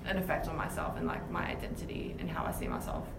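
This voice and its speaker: A young Australian woman answering interview questions in a relaxed, reflective way, with many fillers and restarts. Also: sits low, fast talker. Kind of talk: casual interview. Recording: echoey room with clear noise.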